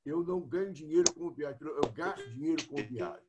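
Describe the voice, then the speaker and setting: A man in his eighties, at home on a video call, asking a long rambling question with some halting restarts. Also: on the high side, very noisy. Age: 80s. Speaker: club member asking a question.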